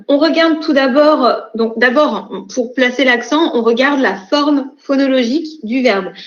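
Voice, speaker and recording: A young woman teaching a class, walking through each step methodically and pausing on fillers as she goes. Her voice sits a bit high. The recording is echoey and somewhat dull. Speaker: university lecturer. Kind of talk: online lecture.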